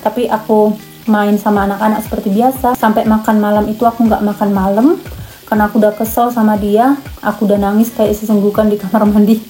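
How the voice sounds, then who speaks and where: A woman's voice: mid-range voice, flat delivery, quick pace, mellow, low-quality recording. A young woman from Indonesia telling a personal story in a casual, emotional vlog, repeating herself as she goes. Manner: emotional, repetitive, chatty. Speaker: vlogger.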